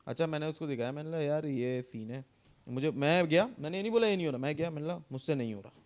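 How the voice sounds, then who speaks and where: Young podcast co-host, slightly high voice, acts out every line of his story. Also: quick pace. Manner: animated, acts out dialogue, laughs often. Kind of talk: casual storytelling chat.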